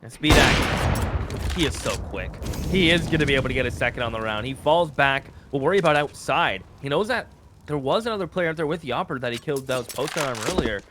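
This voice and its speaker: A man giving live esports commentary in an excitable, conversational, incredulous way. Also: medium pitch, brisk, noisy background.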